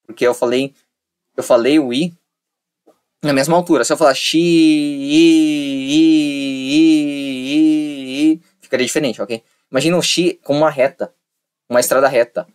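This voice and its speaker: A young man talks through a study trick in a loose, chatty way. He repeats himself often and slips into playful mini-dialogues. His voice sits at a middle pitch. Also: fast talker, pauses often. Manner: repetitive, playful, acts out little dialogues. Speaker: online tutor. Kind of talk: casual explanatory lesson.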